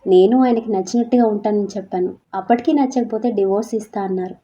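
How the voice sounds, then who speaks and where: Brief: a woman doing a wounded young wife in an audio story, mellow low-key tone, quietly resolute, slightly dull audio. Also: fast, natural voice. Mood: sad. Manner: soft, tearful, turning resolute. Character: young wife, hurt but standing firm.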